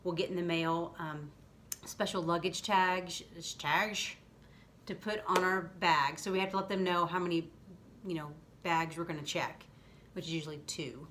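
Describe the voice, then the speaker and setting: A woman's voice: lowish voice, steady tone, normal speed, a bit bright. A woman hosting a vlog, explaining things in loose, rambling casual chat. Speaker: vlog host. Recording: faint background noise.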